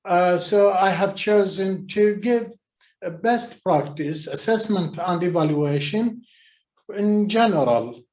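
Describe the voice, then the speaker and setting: A man from Iraq begins a lecture in a slightly high voice, moving very slowly and hesitantly. The audio is dull and roomy, as if he is speaking over a video call from a reverberant room. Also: a little mellow. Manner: slow, measured, hesitant delivery. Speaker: senior lecturer in mathematics. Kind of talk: opening a lecture.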